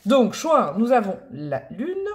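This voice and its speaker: A woman's voice: on the high side, huge pitch swings, measured pace. A woman giving a casual tarot card reading to her viewers, chatty and affectionate, calling them pet names and gushing over the cards. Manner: enthusiastic, often exclaims over the cards. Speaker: tarot reader.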